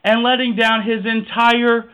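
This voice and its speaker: A man in his twenties with a nasal voice, calling someone and needling them in a calm, taunting way. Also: very high-pitched, a little slow, smooth, rough recording. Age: 20s. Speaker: caller. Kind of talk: provoking phone call.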